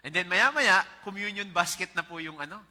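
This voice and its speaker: A man's voice: high voice, lively intonation, brisk, bright, forceful tone. A Filipino man preaching a conversational sermon as pastor, mixing in English and chuckling as he tells stories. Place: church sanctuary. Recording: church hall reverb.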